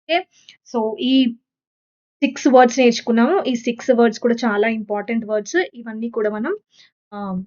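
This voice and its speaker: A woman's voice: on the high side, darkish tone, highs cut off. Telugu-accented woman teacher, explaining step by step. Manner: explains step by step, asks and answers her own questions; mixes English terms into Telugu speech. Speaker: English teacher. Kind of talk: exam-prep lesson.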